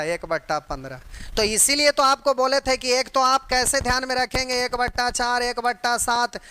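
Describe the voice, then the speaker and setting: A man's voice: high-pitched, sharp tone, smooth. A man teaching an exam-prep math lesson, drilling fractions and percentages aloud and calling his students dear ones.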